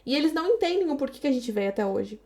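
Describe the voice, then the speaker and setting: Quick, high-voiced Brazilian woman telling stories. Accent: Brazilian Portuguese. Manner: animated, acts out quoted dialogue. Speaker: podcast guest, entrepreneur. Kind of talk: casual podcast storytelling.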